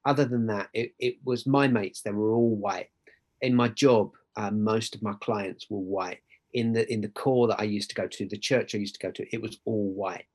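A man's voice: on the low side, steady tone, moderate pace, a little mellow. A middle-aged man with an Essex accent tells personal stories as a podcast guest, in an earnest, emphatic way, often checking in with "right?". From Essex, England. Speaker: podcast guest, church worker. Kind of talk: conversational personal storytelling.

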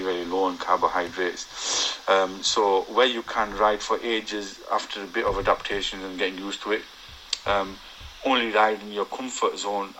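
A man's voice: low voice, bright, forceful tone, a little hiss or hum, rough recording. A man with a Yorkshire accent reads his prepared riding tips aloud, earnest and full of ums and small self-corrections. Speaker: guest cyclist giving advice.

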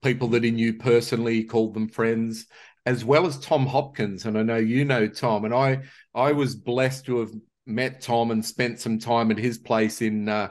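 A man's voice: medium pitch, steady tone, moderate pace, a little mellow. A man with a mid-range voice hosts a podcast interview. He rambles and restarts his sentences as he leads into a question for his guest. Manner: rambling, hesitant, full of restarts. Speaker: podcast host. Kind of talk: casual interview chat.

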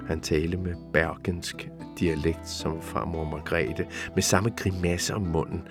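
Deep-voiced man reading literature aloud. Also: steady tone, over music. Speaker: reader.

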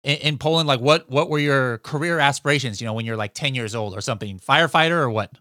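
A man hosting a podcast in casual interview chat, upbeat and quick with follow-up questions. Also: mid-range voice, pushed and bright, no room sound, studio quality. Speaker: podcast host.

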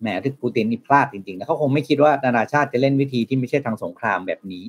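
Fast, husky-voiced man in casual talk. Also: medium pitch, lively intonation. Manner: argumentative, rhetorical questions. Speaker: talk show panelist. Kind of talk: casual discussion of current affairs.

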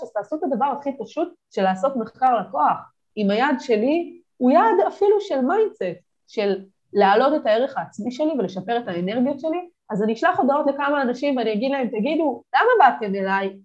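Business coach lady on a podcast, kinda high voice, pumped up and motivational, bit muffled lo-fi sound. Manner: energetic, motivational, with lively emphasis. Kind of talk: podcast guest interview.

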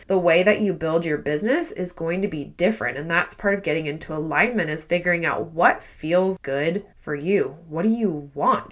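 A woman hosting a solo business podcast, her voice hoarse with a frog in the throat, coaching in an upbeat tone. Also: low-pitched, fairly bright tone. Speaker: podcast host.

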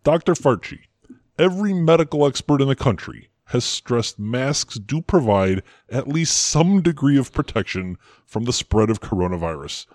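A man's voice: mid-range voice, very animated, normal speed, a little mellow, no echo, natural voice. A man plays a stuffy, pompous interviewer whose voice swings widely as he speaks. His manner is formal and exasperated, and the recording sounds dry and close. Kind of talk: comedy sketch acting.

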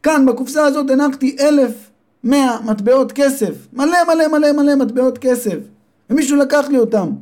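A scolding biblical mother in a children's storybook, voiced by a male narrator. Her voice jumps high and loud as she rails against a thief. She sounds indignant and theatrical. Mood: outraged.

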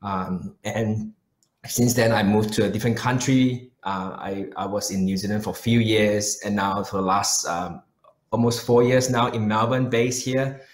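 The guest, a pastor and missionary, has a Malaysian accent and a fairly low voice, moving at a moderate pace with fairly even intonation. His interview answers are earnest and personal, captured in a roomy, echoing recording.

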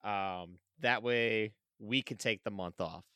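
A man's voice: lowish voice, slow, bright, forceful tone, clear, resonant tone, no echo. A man co-hosting a movie podcast in casual chat, candid and rambling, laughing easily. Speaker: podcast co-host.

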